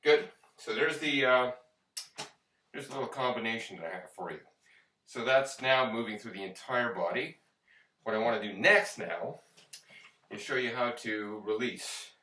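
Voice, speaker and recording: A man's voice: mid-range voice, animated, moderate pace, long pauses, pushed and bright. A man working as a fitness instructor, explaining exercises step by step as he leads a workout. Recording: echoey room, distant microphone.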